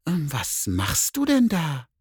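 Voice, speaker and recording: A man voicing a cheeky, boastful female neighbor cat in a children's story, with a high, snippy manner. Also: wildly swooping pitch, slow, a little mellow, breathy edge, no room sound, clean studio sound, full character voice. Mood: curious.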